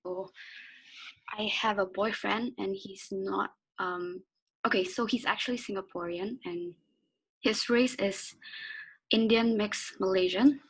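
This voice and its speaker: Slow, husky, creaky woman. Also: mid-range voice, rough recording. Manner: hesitant, halting. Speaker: participant. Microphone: video call.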